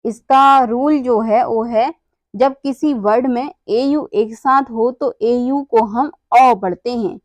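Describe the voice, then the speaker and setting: A woman teaches English pronunciation at a slow, deliberate pace. Her voice sits a little high, and she spells words out letter by letter before answering her own questions. The recording is dry and close. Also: no room sound.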